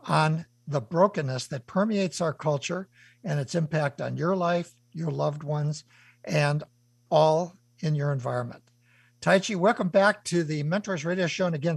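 A male radio host formally reading out a guest introduction. His voice sits a little high, husky and gravelly. The sound is dry and close. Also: no echo. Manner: formal, reads from a script. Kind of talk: scripted introduction and interview.

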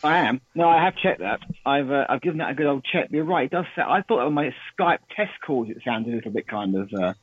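A man calling in as a motorsport correspondent, chatty and excitable, his voice coming through a thin, phone-like headset line. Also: mid-range voice, fast talker, hardly any pauses, husky, dry recording. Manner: chatty and excitable, talks over others. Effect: thin phone-like line through a Bluetooth headset. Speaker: Formula One correspondent. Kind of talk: casual chat. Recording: thin, muffled call line, dry.

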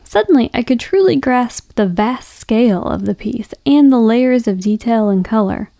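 A woman hosting a podcast, reading scripted narration in a measured, reflective way. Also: on the high side, lively intonation, creaky, mellow, dry recording. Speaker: podcast host.

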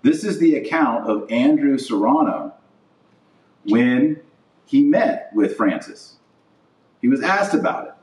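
Taking it slowly and pausing often, a religious commentator voices an indignant monologue on his podcast, stressing points through repetition and rhetorical questions. His voice is medium-pitched and darkish with big pitch swings. The mic sits a bit distant in an echoey room.

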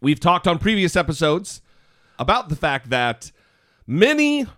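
A man's voice: on the high side, very animated, measured pace, fairly bright tone, dry recording, clean studio sound. A man hosting a podcast with casual comedic talk and brash, teasing delivery. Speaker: podcast host.

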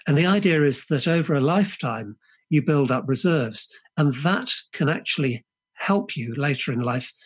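A man whose first language is Polish, appearing as a guest author in a podcast interview, speaks thoughtfully and haltingly, often restarting and repeating words. His voice is on the high side and expressive, with a breathy edge.

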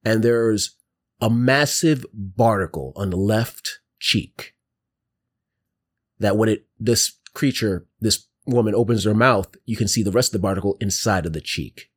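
A man's voice: lowish voice, measured pace, husky. A man narrating descriptively as game master of a tabletop game.

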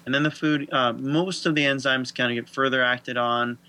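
A man's voice: medium pitch, fairly even intonation, normal speed, pushed and bright. A man co-hosting a health talk, walking step by step through how digestion works in a casual, lightly joking way. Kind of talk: casual explanatory chat.

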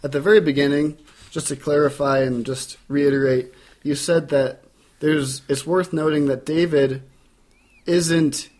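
A man interviewing a pastor, speaking casually with frequent affirmations and quick questions. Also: fairly high pitch, steady tone, darkish tone. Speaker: podcast interviewer. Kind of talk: interview conversation.

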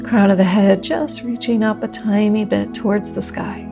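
Woman, meditation teacher, soothing sleep-story style narration, gentle unhurried delivery, creaky voice, new-age music behind. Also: mid-range voice, steady tone. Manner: gentle, unhurried instruction with long pauses. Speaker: meditation teacher leading a group practice. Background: soft new-age music.

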